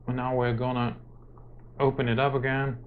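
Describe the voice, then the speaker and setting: In noisy, dull lo-fi camera audio, a native Dutch speaker from the Netherlands walks through an unscripted tech demonstration. He speaks at medium pitch in a level tone, pausing often and using very frequent filler sounds.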